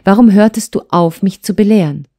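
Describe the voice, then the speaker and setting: A woman voicing a hurt young wife who pleads and reproaches her husband with urgency, in a mellow tone. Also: fairly low pitch, a little slow. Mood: reproachful.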